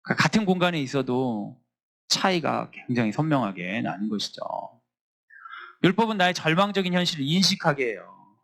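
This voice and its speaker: Lively Korean chaplain teaching a Bible lesson. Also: male voice, on the high side. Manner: lively, acts out teacher and student voices in quotes.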